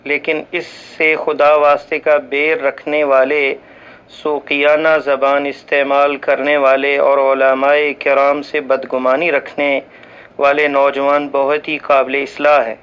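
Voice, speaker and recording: A man reading a written religious ruling aloud in a formal, measured way, reciting Arabic scripture and now and then slipping and restarting a word. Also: mid-range voice, monotone, a bit bright, clean tone, dull audio. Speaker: voice-over reader for a religious channel.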